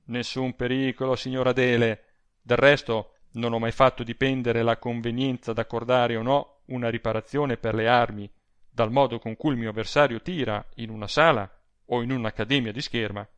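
A man reading the part of a proud gentleman who speaks in a measured, formal and resolute way. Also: mid-range voice, fairly even intonation, smooth, natural voice. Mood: firm. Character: proud stiff gentleman, middle-aged. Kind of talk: audiobook character reading.

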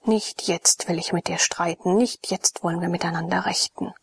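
A woman's voice: fairly low pitch, steady tone, moderate pace, vocal fry, slightly rough, heavily acted. A woman voicing an eager, devout young sister, half-whispered in a raised voice as part of an audiobook reading. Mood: pleading.

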